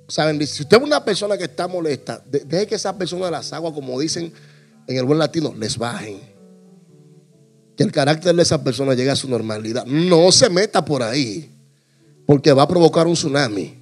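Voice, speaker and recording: A pastor delivers a funny sermon to his congregation, lively and full of jokes, acting out little scenes. His voice is slightly high.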